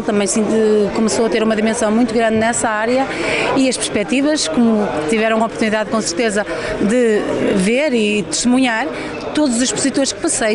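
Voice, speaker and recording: A woman in her forties, a mayor speaking into a handheld mic in a busy fair tent, in measured, halting official phrasing. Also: fairly high pitch. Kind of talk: on-the-spot news interview. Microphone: handheld reporter mic. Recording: crowd chatter behind.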